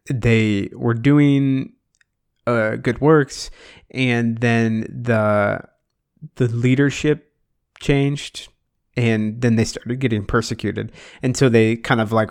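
A man's voice: fairly low pitch, creaky. A man co-hosting a podcast in casual chat. He rambles and muses aloud, restarting often and filling his talk with "like.". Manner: rambling, musing, full of "like" and restarts. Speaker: podcast co-host.

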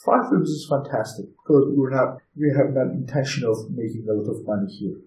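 A man in his forties from Turkey with a Turkish accent, a guest telling lively stories in halting English as a non-native speaker. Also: medium pitch. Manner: chatty, animated storyteller, halting phrasing. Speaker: guest, inn owner and balloon pilot. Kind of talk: casual interview storytelling. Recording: roomy echo.

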